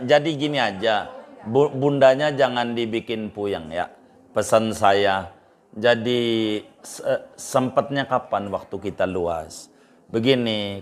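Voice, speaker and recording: A male preacher gives relaxed religious counsel. He talks informally and repeats key phrases for emphasis, his pitch jumping up when he drives a point home. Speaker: Islamic preacher answering questions. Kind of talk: casual religious advice talk.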